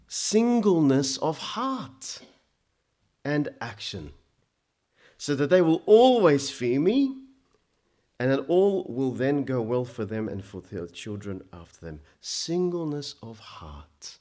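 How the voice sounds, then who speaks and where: Emphatic preacher born in Egypt. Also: male voice. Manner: emphatic, rising to loud peaks then dropping low; frequent stammered restarts. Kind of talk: sermon.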